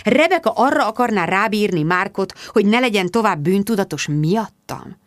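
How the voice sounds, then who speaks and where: A woman narrating a first-person novel as an audiobook, with wry, expressive storytelling. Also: mid-range voice, no echo, studio quality.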